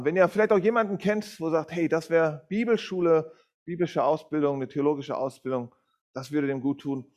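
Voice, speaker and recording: A middle-aged man gives a sermon in a fairly high voice. He talks loosely, stops on fillers and corrects himself as he goes. He speaks to the congregation in a direct, plain way. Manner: informal, with many fillers and self-corrections. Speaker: guest preacher from a Bible school. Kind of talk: sermon with a read-aloud story.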